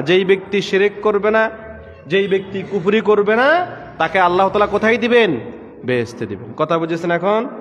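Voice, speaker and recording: A man's voice: high-pitched, a bit bright, in a large hall. A man preaching a sermon, asking his listeners a question on each point and answering it himself. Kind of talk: sermon with call-and-response questions. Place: gathering room with power trouble.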